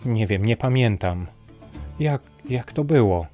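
A dazed young prince stumbles over his words in fear, as a narrator puts him on. He hesitates and restarts, his voice hushed and shaken. Soft music plays beneath the reading. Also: fairly low pitch, lively intonation. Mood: frightened. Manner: halting, frightened.

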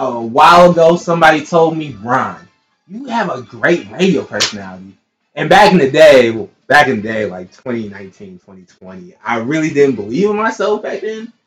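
A man's voice: a little high, animated, moderate pace, fairly bright tone, soft background music. Laid-back young man, slangy podcast banter. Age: 20s. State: high on an edible. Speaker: podcast co-host. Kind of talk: casual chat.

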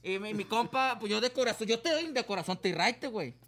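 A man's voice: high-pitched, brisk. A young man, co-hosting a casual podcast chat among friends and telling stories with lots of laughter. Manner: laughing storyteller, loud and animated. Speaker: podcast co-host.

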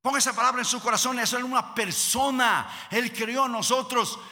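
Man, preacher, sermon, emphatic and repetitive, very bright tone, long hall reverb. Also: extremely high pitch, brisk.

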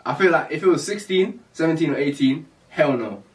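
Young man, early twenties, podcast co-host, slangy casual talk, lively pitch, distant mic. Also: brisk. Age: early 20s. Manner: laughs often, heavy slang. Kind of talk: casual chat.

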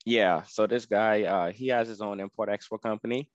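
A man's voice: on the low side, fairly even intonation, moderate pace, no room sound, lo-fi sound. A man talking about his delivery work in an easygoing, conversational way. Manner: easygoing, conversational, says you know often. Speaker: guest, freight delivery business owner. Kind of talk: casual interview.

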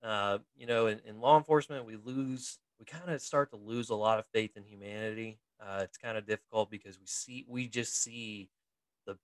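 A man's voice: lowish voice, fairly even intonation, moderate pace, dry recording. A man in his thirties co-hosting a casual podcast chat, chatty with lots of fillers and frequent laughter. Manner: laughs often, chatty with many fillers and restarts. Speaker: co-host, military investigator in the reserves.

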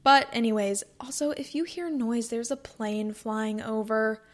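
A woman in her twenties from North Carolina, US, hosts a casual solo podcast from a cozy room, chatting in an upbeat, rambling way. Her voice is a little high and a little slow.

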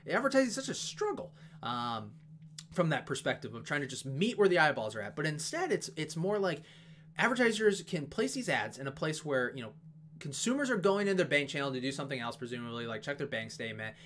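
A man talking fast and casually as he walks through an investment analysis, with plenty of fillers and asides. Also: a little high, fairly bright tone. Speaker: investing video host. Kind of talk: casual stock analysis talk.

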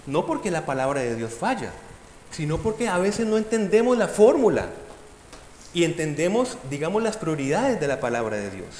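A man's voice: on the high side, sing-song, normal speed, a little mellow. A man preaching a sermon, emphatic, calling his listeners brothers and sisters and posing rhetorical questions. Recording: echoey hall with faint background noise.

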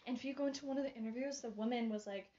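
A young adult woman guest on a podcast, chatting excitedly with swearing and restarts. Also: fairly high pitch, racing, dull audio. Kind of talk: casual chat.

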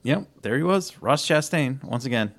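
A man's voice: mid-range voice, normal speed, creaky. A man co-hosting a casual motorsport podcast, joking and restarting his sentences. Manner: lively, jokey, restarts a lot. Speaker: podcast co-host.

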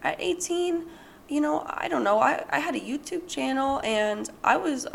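A woman in her twenties hosting a solo podcast, her voice raspy from being sick, chatting in a rambling way with lots of fillers. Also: sits high, lively intonation, normal speed, a little hiss or hum. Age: 20s. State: sick, hoarse. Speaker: podcast host. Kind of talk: casual solo podcast talk.

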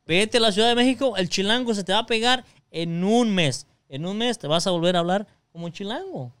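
A Mexican man on a podcast ribbing his friends with slang. His voice is high and smoothly resonant. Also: lively intonation, a little fast, a bit bright. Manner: teasing, slangy. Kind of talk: casual chat.

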